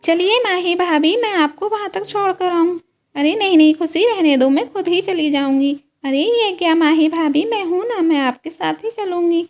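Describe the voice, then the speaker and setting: A woman's voice: very high voice, moderate pace. A woman doing an eager, chatty young sister-in-law. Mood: cheerful. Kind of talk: doll story role-play.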